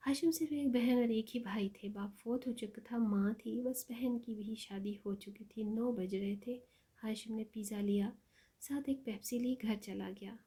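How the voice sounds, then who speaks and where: A woman narrating an emotional story in a soft, half-whispered reading voice. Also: a little high, steady tone, slightly rough.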